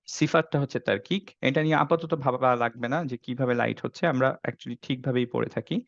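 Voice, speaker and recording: A man's voice: mid-range voice, fairly quick, gravelly, no echo, lo-fi sound. A man teaching Quran recitation in an online class, patiently demonstrating letter sounds and checking if students follow. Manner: patient, checks understanding with frequent "okay?". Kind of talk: online tajweed class, Bengali mixed with English.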